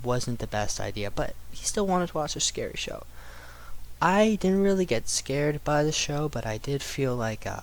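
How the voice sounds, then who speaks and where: Rambling young man over background noise. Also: mid-range voice. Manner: rambling, slangy, swearing. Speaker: storyteller. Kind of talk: casual personal anecdote.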